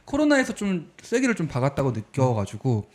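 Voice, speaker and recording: A young man co-hosting a podcast in casual conversation, easygoing and quick to laugh. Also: a little high, huge pitch swings, background noise. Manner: easygoing, laughs often, chimes in briefly. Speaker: podcast co-host. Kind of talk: casual discussion.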